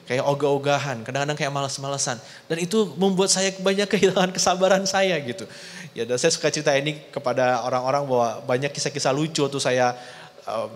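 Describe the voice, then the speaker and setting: A man's voice: medium pitch, a bit bright. A man in his thirties preaching a conversational sermon, often adding "ya" and voicing scripture lines with emphasis. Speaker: pastor. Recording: hall reverb.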